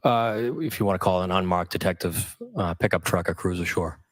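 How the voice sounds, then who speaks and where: A man's voice: deep voice, a little fast. A man, a police sergeant on the witness stand, giving terse, clipped answers under cross-examination. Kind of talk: courtroom testimony. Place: courtroom.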